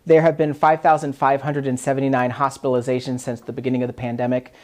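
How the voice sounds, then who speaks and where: Woman, extremely low pitch, live news report, careful reading of numbers. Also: little pitch movement, fast, darkish tone. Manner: careful, repeats figures.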